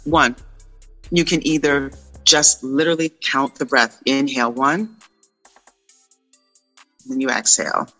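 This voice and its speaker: A man's voice: mid-range voice, fairly even intonation, measured pace, long pauses, pushed and bright, faint music behind. A man explaining things conversationally, like a wellness coach, in an encouraging, informal way with short emphatic phrases. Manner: encouraging, reassuring. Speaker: meditation and wellness guest.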